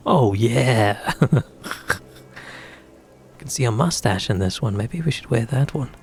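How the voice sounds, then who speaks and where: A man's voice: medium pitch, animated, takes it slowly, darkish tone, soft background music. A man streaming a video game, chatting casually and thinking aloud as he plays. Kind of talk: casual gaming commentary.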